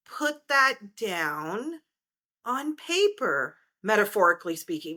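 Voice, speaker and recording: Slow, bright-voiced woman podcast host. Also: medium pitch. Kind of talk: interview.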